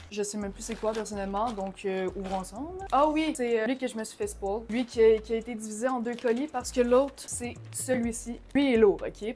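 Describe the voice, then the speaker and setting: Chatty young Québécoise, higher voice. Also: female voice. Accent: Québécois French. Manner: chatty, mixes in English slang and swearing; bursts of excitement. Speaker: vlogger. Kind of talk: casual haul vlog.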